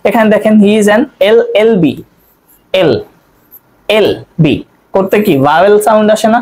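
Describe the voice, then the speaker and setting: A young man from Bangladesh teaching an online grammar lesson as an English tutor. He keeps asking quick questions and answering them himself, repeating each rule to drill it in. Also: sits high, darkish tone, low-quality recording.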